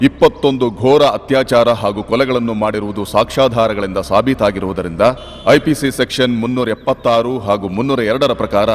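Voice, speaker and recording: A man's voice: medium pitch, long reverb tail, lightly acted. A man playing a solemn judge reading a verdict. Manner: slow, formal, official. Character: formal male judge announcing a verdict.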